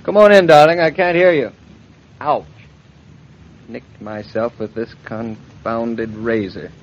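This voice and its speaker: An actor playing a wry, affectionate young husband in an old-time radio drama, gently teasing. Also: male voice, medium pitch, slow, a little hiss or hum. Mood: grumbling, good-humored. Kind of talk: 1950s radio drama acting. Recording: muffled old radio transcription.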